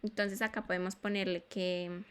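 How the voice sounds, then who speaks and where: A woman's voice: medium pitch, flat delivery, normal speed, clean tone. A woman teaching an English class in Spanish, patiently repeating sounds and checking that students follow. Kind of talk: online class explanation.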